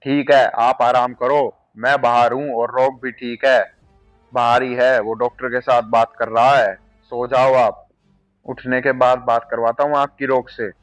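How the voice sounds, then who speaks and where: A man voicing a loyal young friend who speaks gently and reassuringly. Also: medium pitch, level tone, unhurried, faint music behind, close to an everyday voice. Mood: soothing.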